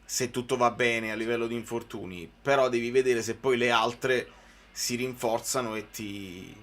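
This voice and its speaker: A man's voice: medium pitch, steady tone, moderate pace, fairly bright tone. A man giving live football commentary mixed with informal, conversational chat to viewers.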